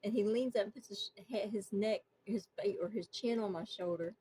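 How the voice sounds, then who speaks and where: A woman's voice: mid-range voice, brisk, slightly rough, low-quality recording. Rambling woman telling a story. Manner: rambling, animated retelling with quoted dialogue. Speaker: vlogger. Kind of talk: casual storytime. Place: indoors, just woken up.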